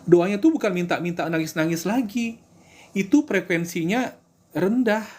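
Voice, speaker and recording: A man's voice: sits high, moderate pace, darkish tone. A man giving casual religious life advice, chatty and repetitive, acting out prayers and answering viewer greetings. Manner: chatty, repeats himself, acts out prayers.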